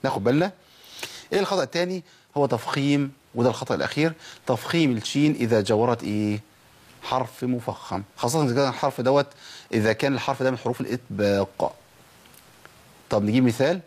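A man with an Egyptian Arabic accent teaching Quran recitation, who asks and answers his own questions and slows down to drag out the sounds he demonstrates. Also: mid-range voice, darkish tone, breathy edge. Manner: quick explanations broken by slow, drawn-out demonstrated sounds. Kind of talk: recitation lesson.

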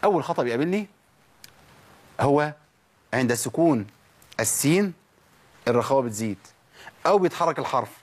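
Fairly quick but with long pauses, this man teaches tajweed in an Egyptian accent, his mid-range voice lively in intonation. As a Quran recitation teacher, he poses rhetorical questions and has letter sounds repeated aloud.

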